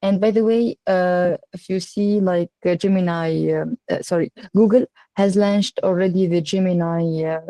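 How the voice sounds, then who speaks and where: Woman, Tunisian North African accent, workshop presenter, halting delivery, mellow tone, dry online-call sound. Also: on the low side, steady tone, no room sound. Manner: halting, with frequent filled pauses. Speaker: workshop speaker, AI engineer.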